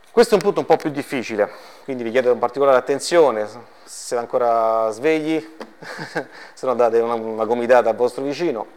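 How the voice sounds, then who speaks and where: A man preaching a sermon to a congregation, reading Bible passages and putting rhetorical questions to his listeners before answering them. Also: mid-range voice. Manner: addresses the congregation directly, lightly joking.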